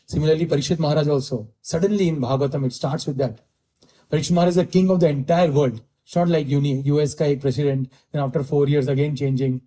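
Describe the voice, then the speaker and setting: On a rough recording, a man with a mid-range, dark voice teaches a scripture class as a spiritual teacher. He has an Indian English accent, repeats important phrases and switches into Hindi at times.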